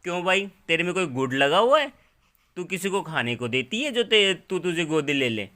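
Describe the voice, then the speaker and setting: A man's voice: a little high, big pitch swings, normal speed, pushed and bright. A father giving his infant daughter a playful mock scolding, lecturing her with one rhetorical question after another.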